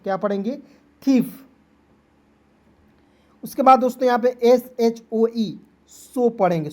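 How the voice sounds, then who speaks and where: A woman teaching beginners to read English, spelling each word letter by letter and drawing the sounds out slowly. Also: medium pitch, darkish tone. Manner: spells words letter by letter, then stretches them out slowly; repetitive, checks in with "clear?" and "okay". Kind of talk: phonics lesson for beginners.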